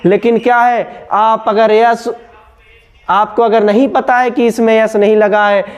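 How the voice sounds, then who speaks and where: A man's voice: sits high, level tone, measured pace, clean tone, muffled recording. A man teaching a grammar lesson, asking a question and then answering it himself, repeating each word. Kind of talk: classroom-style grammar lesson.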